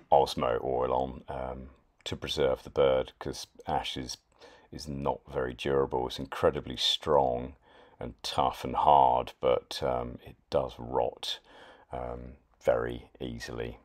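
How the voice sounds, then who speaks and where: A man with a British accent talks through his carving work in a relaxed, halting voice-over. His voice sits very low and stays flat, broken up by frequent ums and restarts. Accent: British English. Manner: hesitant, many ums and restarts. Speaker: chainsaw wood carver. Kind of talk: casual voice-over narration.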